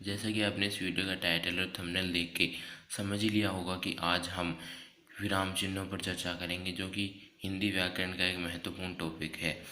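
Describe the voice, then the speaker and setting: A man giving a grammar lesson as a teacher, explaining terms and listing them in a steady, explanatory way. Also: low-pitched, moderate pace, echoey room.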